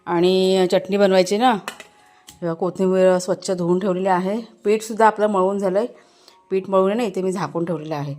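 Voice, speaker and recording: A woman's voice: mid-range voice, steady tone, fairly quick, mellow, dry recording. A woman vlogging casually outdoors in her garden, chatting to viewers and explaining what she shows. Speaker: family vlogger. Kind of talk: casual vlog walkthrough talking to viewers.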